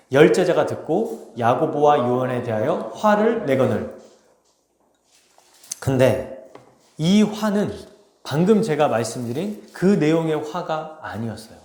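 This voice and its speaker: Male pastor, expository sermon, fairly high voice, dramatic storytelling, echoey church room. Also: big pitch swings, slow, pauses often, darkish tone. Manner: conversational, asks the congregation questions; dramatizes the text with acted quotes. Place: church sanctuary.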